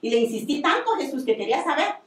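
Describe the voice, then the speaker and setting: Woman, fairly high voice, religious testimony, earnest repetitive storytelling, echoey room, distant mic. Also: big pitch swings, fast. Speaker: radio guest giving a testimony. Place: radio studio.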